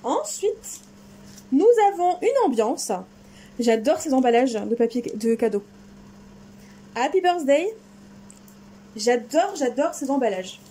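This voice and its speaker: A high-pitched woman, chatting away eagerly as she unboxes her crafting parcels. Her voice is soft and mellow rather than bright, and a faint hiss sits under the home recording. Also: big pitch swings, slow, long pauses. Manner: enthusiastic, chatty, exclaims often. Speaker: crafting vlogger. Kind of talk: casual unboxing chat.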